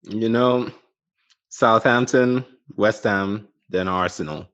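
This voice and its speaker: Guy chatting football, kinda low voice, hesitant, muffled audio. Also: slow, noisy background. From Ghana. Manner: hesitant, repeats phrases. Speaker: football podcast panelist. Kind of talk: casual football discussion.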